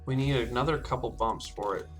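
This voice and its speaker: A man's voice: mid-range voice, brisk, soft background music. A man commenting casually on his own game as he plays, thinking aloud and talking himself through each choice. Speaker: gameplay commentator. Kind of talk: casual let's-play commentary.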